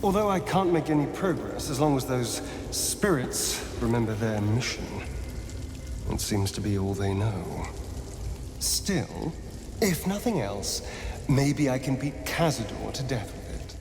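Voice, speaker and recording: Astarion, a theatrical, lively vampire. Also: male voice, mid-range voice, noisy background. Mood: calculating, wry. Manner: theatrical, arch, drawn-out emphatic phrasing. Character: suave, bitter male vampire spawn, two centuries old, former magistrate. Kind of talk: theatrical video game dialogue. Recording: roomy reverb, music behind.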